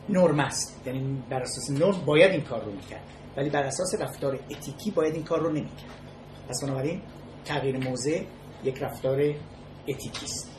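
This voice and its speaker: Lecturer, halting and repetitive delivery, mid pitch, echoey room. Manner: measured and halting, restating key words and pausing between phrases. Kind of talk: spoken lecture on ethics with storytelling. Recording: echoey room with faint noise.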